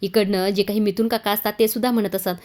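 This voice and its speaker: A woman's voice: medium pitch, steady tone, fast talker, a little mellow. A woman recaps a family TV serial in a casual, chatty way. She strings scenes together with repeated linking phrases. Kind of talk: casual spoken retelling.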